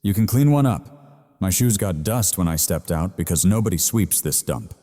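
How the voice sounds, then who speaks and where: A male narrator voicing a spoiled, arrogant young rich man who bullies people, in a shrill, sneering, entitled way. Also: animated, moderate pace, dark tone, faint music behind. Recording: long reverb.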